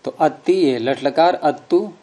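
A man's voice: fairly high pitch, slow, warm tone. A middle-aged man teaching a grammar class, explaining patiently and quizzing his students. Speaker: Sanskrit teacher.

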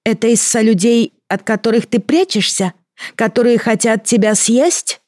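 A woman reading an audiobook, voicing a small, bony male water creature with a bubbling voice and odd, halting speech. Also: on the high side, a little mellow, no echo, clean studio sound, pitched above the performer's own voice, close to an everyday voice. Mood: curious. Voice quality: gurgling. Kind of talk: audiobook character voice.

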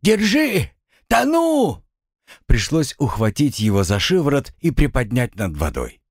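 A man reading a first-person fantasy audiobook in expressive, scripted storytelling narration. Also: on the low side, normal speed, dry recording, clean studio sound. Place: recording studio. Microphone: close studio mic.

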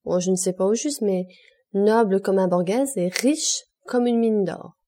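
A self-satisfied innkeeper eager to please, voiced by a woman reading aloud, with a mellow, warm tone. Obliging and pleased with himself in this audiobook. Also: medium pitch, measured pace, natural voice. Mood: smug. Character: Italian male innkeeper, smug and eager to please.

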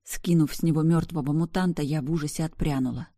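Low-voiced woman reading a dramatic story. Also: steady tone, quick pace, dark tone, no echo, clean studio sound. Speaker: narrator. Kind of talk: first-person story reading.

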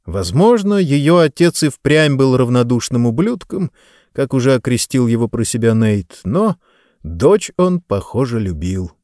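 A man narrating an audiobook with an expressive reading. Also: medium pitch, unhurried, no room sound, studio quality. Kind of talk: scripted narration.

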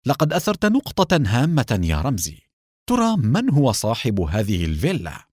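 A man's voice: medium pitch, wildly swooping pitch, normal speed, a little mellow, dry recording, clean studio sound. A man reading a story voices a confident young detective hero. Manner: confident, determined.

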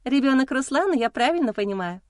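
A woman voicing a supportive adult female friend who speaks in a warm, lively, reassuring way. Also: high-pitched, quick pace, no echo, clean studio sound, pitched above the performer's own voice.

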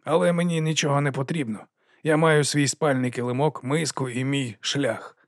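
A man voicing an ancient, wily monk sweeper who teases and chides in a raised, lively voice. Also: medium pitch, moderate pace, dry recording, clean studio sound, lightly acted. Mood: sly teasing. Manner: teasing, chiding, lively.

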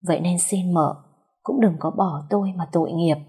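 A grieving young husband pleads through tears, a woman doing the part in a low, warm, husky voice. In the storybook narration he murmurs and begs by turns. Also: normal speed. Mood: tender. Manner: tearful pleading, soft murmuring at night.

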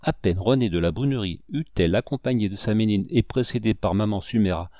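Low-voiced man reading a novel aloud. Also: fairly quick, warm tone, no room sound. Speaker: narrator.

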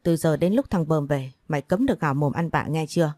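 A woman's voice: deep voice, fast, warm tone, no echo. A woman voicing a furious, violent young father who snarls coarse threats, in an audio story. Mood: snarling.

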